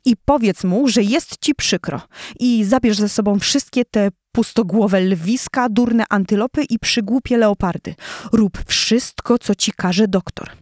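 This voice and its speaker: A woman's voice: medium pitch, measured pace, darkish tone, dry recording, studio quality, lightly acted. A woman voicing a fierce lioness mother who scolds her husband. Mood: furious. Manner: scolding, roaring.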